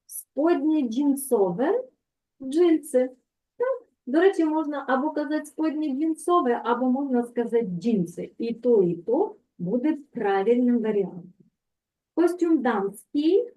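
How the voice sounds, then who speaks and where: Patient woman teacher, lightly high voice, on a thin video-call line. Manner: patient, explanatory, frequent "так?" checks. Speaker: Polish language teacher. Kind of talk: online language lesson. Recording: tinny phone-like call audio.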